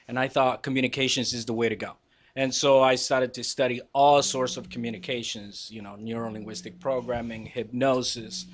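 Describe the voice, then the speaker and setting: A man's voice: medium pitch, little pitch movement, a little fast. A man from Guatemala whose first language is Spanish, speaking confidently and emphatically as a body language teacher guesting on a radio talk show. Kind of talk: casual radio interview.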